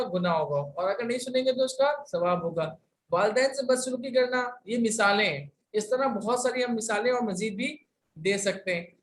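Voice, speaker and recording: A man's voice: high voice, a bit bright. A man from Pakistan teaching a religious class, patiently asking rhetorical questions and answering them himself. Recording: roomy sound, distant from mic, faint hiss.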